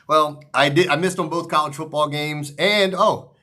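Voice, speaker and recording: A man's voice: fairly high pitch, fairly even intonation, moderate pace, bright, forceful tone. A man hosting a sports betting show, talking casually and ramblingly to viewers with mild swearing, his articulation slightly off as if his mouth is numb from the dentist. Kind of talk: casual sports picks commentary, straight to viewers.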